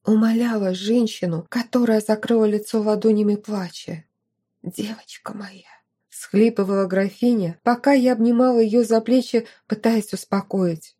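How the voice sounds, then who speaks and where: A woman narrating a first-person novel as an audiobook, in an expressive, emotive reading style. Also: medium pitch, normal speed, hardly any pauses, breathy edge.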